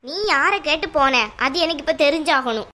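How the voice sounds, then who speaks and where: A woman voicing a stubborn, hot-tempered younger sister in a cartoon, sharp and argumentative. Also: high voice, normal speed. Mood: defiant. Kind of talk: cartoon voice acting.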